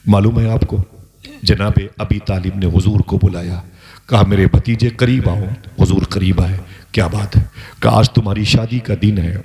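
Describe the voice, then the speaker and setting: A man's voice: vocal fry, darkish tone. A man preaching an emotional sermon, telling a story and voicing its dialogue dramatically while addressing the audience and scholars directly. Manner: dramatic, voices quoted dialogue with rising pitch. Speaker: Islamic preacher.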